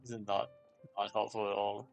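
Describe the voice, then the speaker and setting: Faint music plays behind a live streamer whose fairly low voice has vocal fry and little pitch movement. At normal speed he chats casually, thinking aloud, hesitating, rambling and repeating himself.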